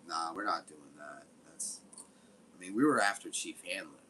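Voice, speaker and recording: A man's voice: deep voice, unhurried, bright, forceful tone, slight background noise, rough recording. A man giving casual, rambling gameplay commentary, swearing often. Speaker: game streamer.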